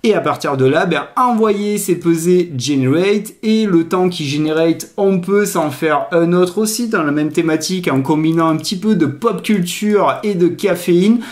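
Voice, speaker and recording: A man hosting a casual software tutorial, chatty and full of fillers, his pace speeding up and slowing down. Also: high-pitched. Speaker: tutorial host. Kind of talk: casual screen-recorded tutorial.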